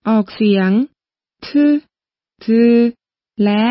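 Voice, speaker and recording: A woman's voice: fairly quick, no room sound, lo-fi sound. A woman teaching pronunciation in a polite, patient, step-by-step manner, reading a scripted lesson. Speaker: language teacher. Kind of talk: scripted instructional narration.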